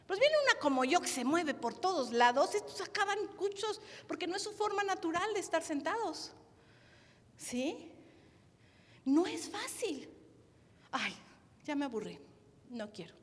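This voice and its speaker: A Mexican woman preaching a sermon to a gathering, animated and full of rhetorical questions tagged at the end. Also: extremely high pitch, a little slow. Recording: reverberant hall sound.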